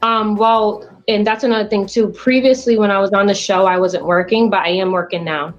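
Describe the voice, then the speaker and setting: A woman's voice: mid-range voice, fairly even intonation, a little fast, soft background music. Hesitant woman caller, muffled line. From United States. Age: 20s. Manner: hesitant, many ums. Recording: dull lo-fi call audio.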